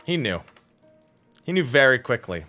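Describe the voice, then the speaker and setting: Hosting a livestream, a man chats casually and tells anecdotes in an animated, profane style, acting out the dialogue. His voice is medium-pitched and his pace moderate, with faint music playing behind him.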